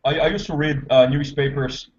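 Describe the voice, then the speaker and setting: A man from Brazil, a guest on a live market show, speaks with a hesitant, halting delivery over a crackly remote call line that keeps breaking up. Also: fairly high pitch, darkish tone. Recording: muffled lo-fi headset call audio.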